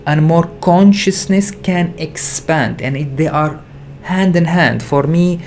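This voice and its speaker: On his livestream, a man acting as a spiritual teacher speaks earnestly and unscripted, repeating and reworking his ideas with searching phrasing and many hesitations. He takes it slowly in a darkish voice on the high side, with slight background noise.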